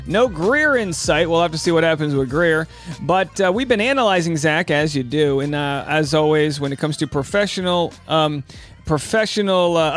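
A man's voice: a little high, fairly bright tone. A man hosting a podcast, giving casual, chatty entertainment commentary in an informal way. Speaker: podcast host and stand-up comic.

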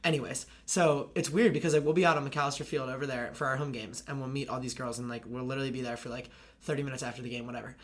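On a casual podcast, the young woman, a lacrosse player in college who also creates videos, rambles at speed with nonstop fillers. She keeps a steady tone in her deep, raspy voice.

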